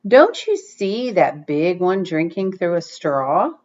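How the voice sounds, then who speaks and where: A woman's voice: on the low side, big pitch swings, slow, a little mellow. Woman voicing a folksy, firm grandmother, slightly muffled. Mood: firm, upbeat. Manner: folksy, instructive. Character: firm, wise, upbeat grandmother with folksy talk. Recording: dull, muffled lo-fi sound.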